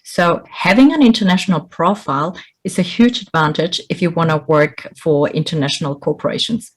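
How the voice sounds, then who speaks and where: A woman's voice: low-pitched, a little fast. Earnest woman born in Bolivia. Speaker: executive coach. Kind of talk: interview answers.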